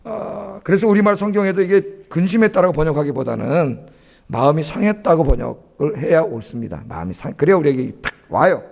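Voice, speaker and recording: Man pastor with a high voice preaching a Sunday sermon in church, often stopping to quiz the congregation. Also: very animated, a little fast, vocal fry, a little mellow. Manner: asks the congregation questions and answers them himself; often adds a questioning "예?". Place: church sanctuary.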